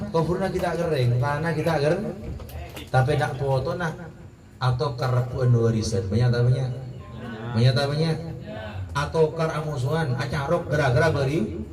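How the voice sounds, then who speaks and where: A middle-aged preacher delivers a lively sermon in a slightly high voice. He is recorded from a distance in an echoey hall, with a crowd audible around him. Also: moderate pace, pauses often. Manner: lively, asks the crowd questions, acts out quoted people. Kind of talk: Islamic sermon. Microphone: wireless mic. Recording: echoey crowd room, voice from afar.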